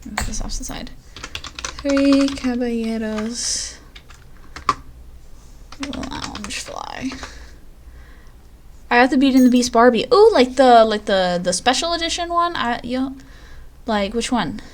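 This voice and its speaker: A woman's voice: fairly high pitch, lively intonation, fairly quick, a little hiss or hum. A woman streamer chatting casually on a live stream, rambling and poking fun at herself. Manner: chatty, self-deprecating, rambling.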